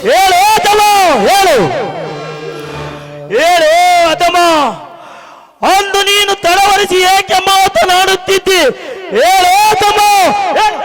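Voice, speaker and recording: A man's voice: very high voice, flat delivery, slow pace, over a noisy crowd. A man playing a furious young man who accuses his brother-in-law, declaiming on a village stage. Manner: shouting, accusing. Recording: live stage sound with loud music.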